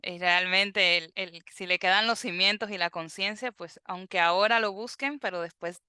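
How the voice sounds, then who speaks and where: Woman podcast host, bright tone, very crisp, dry sound. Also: mid-range voice, moderate pace, no room sound. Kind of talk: moderating a conversation.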